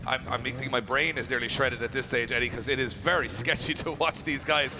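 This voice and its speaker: A man's voice: mid-range voice, steady tone, fairly quick. A man working as motorsport commentator and event announcer, chatty and emphatic as he hypes live racing. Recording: clear engine and outdoor track noise.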